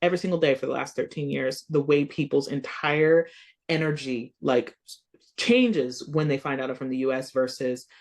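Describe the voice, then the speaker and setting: A woman from the United States, a coach and founder, talking as a guest in a casual podcast interview, animated and earnest, full of "like" and "you know". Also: a bass voice, moderate pace. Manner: earnest, emphatic, speeds up in bursts.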